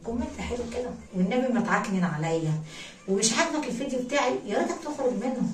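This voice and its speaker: Fast-talking Egyptian woman telling a story. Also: on the high side, lively intonation. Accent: Egyptian Arabic. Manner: chatty, addresses viewers as sweeties, swears oaths. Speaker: storyteller and vlogger. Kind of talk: casual storytelling while doing housework. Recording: echoey room, distant from mic, clear background noise.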